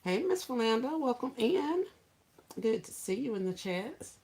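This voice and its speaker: A woman's voice: a little high, sing-song, unhurried, a little mellow. A woman hosting a casual livestream, greeting viewers by name, laughing often and teasing playfully. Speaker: livestream host.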